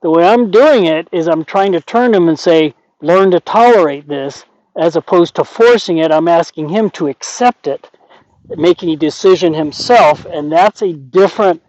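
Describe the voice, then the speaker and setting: A man's voice: on the high side, darkish tone, no echo. An older man working as a horse trainer, explaining things in casual talk and often acting out imagined quotes. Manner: conversational, acts out imagined quotes. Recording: dull lo-fi audio.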